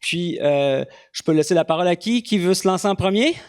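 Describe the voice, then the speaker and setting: Man, Quebec French accent, panel moderator, fairly high voice, hesitant, lots of fillers. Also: animated, a little fast, darkish tone, clean tone.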